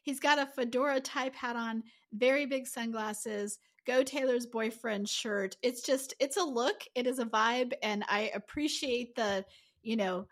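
A woman's voice: a little high, measured pace. A woman hosting a casual podcast chat, friendly and lightly teasing. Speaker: podcast host, editor.

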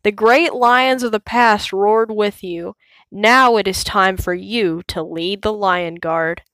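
A woman voicing a wise old male baboon in a storybook, proclaiming excitedly. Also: mid-range voice, slow pace, clean tone, dry recording.

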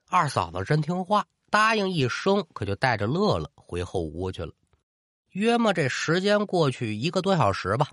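A man's voice: mid-range voice, fairly bright tone, dry recording, studio quality. A man telling a ghost tale in a colloquial, rhythmic storytelling patter. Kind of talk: traditional oral storytelling narration.

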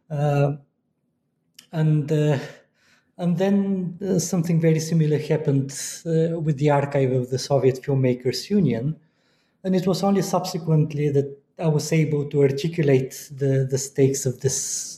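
A professor from Bulgaria speaking as a guest in an interview, thoughtful and hesitant, with many fillers. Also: male voice, medium pitch, dark tone, echoey room. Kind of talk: academic interview.

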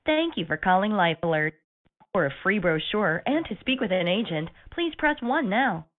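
A woman giving a recorded phone menu message, a polite, clearly enunciated customer service announcement. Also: mid-range voice, very animated, moderate pace. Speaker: automated phone line announcer. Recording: tinny phone line.

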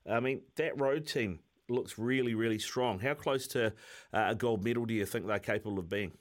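A man's voice: medium pitch, normal speed. A man with a New Zealand accent hosting a casual sports interview, matey and rambling in his questions. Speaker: radio sports host.

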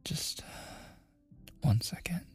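With faint music behind him, a man in a boyfriend ASMR roleplay plays a smitten, insistent young man in his natural voice. He speaks softly and haltingly, sometimes slipping into a breathy, coaxing whisper, and the mood is hushed and urgent.

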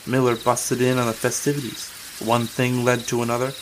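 An actor playing a cocky, slangy young boyfriend in an audio drama. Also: male voice, mid-range voice, little pitch movement, fairly quick, lightly acted. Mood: spooky storytelling. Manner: slangy, smart-alecky, casual. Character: cocky young man, sleazy boyfriend and storyteller. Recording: noisy outdoor night with crickets and birds.

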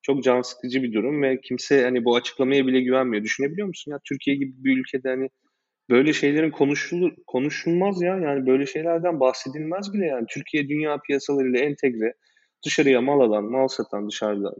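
A man hosting a casual discussion, explaining in a measured way with hesitant fillers. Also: mid-range voice, a little mellow, lo-fi sound. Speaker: host.

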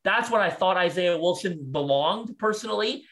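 A man's voice: high voice, lively intonation, fairly bright tone. A man talking football draft prospects on a podcast, enthusiastic and restarting often, a little out of breath. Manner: fast, enthusiastic, many restarts. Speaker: draft analyst guest. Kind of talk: podcast sports talk.

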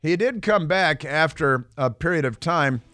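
A man's voice: a little high, lively intonation, unhurried, a bit bright, no room sound. A man with an American accent hosting opinionated political talk radio, speaking in emphatic phrases on a close studio microphone.

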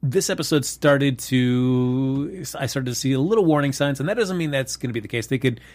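A man's voice: mid-range voice, animated, a little fast, a little mellow. A man in a mid-range voice co-hosts a casual TV review show. He rambles and jokes, often restarting his sentences as he works toward a complaint. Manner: rambling, many restarts and fillers, joking. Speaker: podcast co-host.

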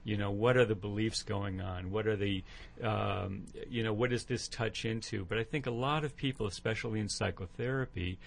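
Casting: lowish-voiced man, calm and reflective radio guest. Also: normal speed, gravelly, slight background noise. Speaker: workshop leader, guest. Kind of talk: radio interview.

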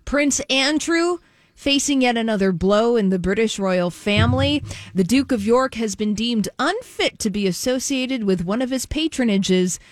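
A woman's voice: on the high side, animated, normal speed, no room sound. A woman hosting a radio show, reading entertainment news with chatty asides.

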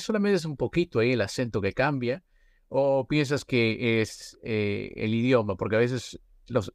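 A man's voice: medium pitch, darkish tone, dry recording, studio quality. A man hosting a casual podcast interview, asking long, rambling questions that he keeps tagging for agreement. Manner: rambling questions with many tag questions. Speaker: podcast host.

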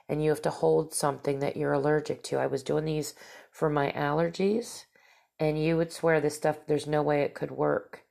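This talk show host, a woman who does podcasts, has a deep, gravelly voice with a darkish tone that also sounds stuffy and nasal. She rambles casually in a storytelling monologue full of stories and asides.

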